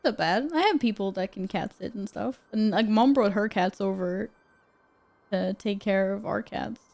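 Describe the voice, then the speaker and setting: A woman's voice: mid-range voice, moderate pace, gravelly, a little mellow. A young woman from Sweden, chatting casually with her stream viewers from her apartment, reading their messages aloud and laughing often. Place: apartment room at home.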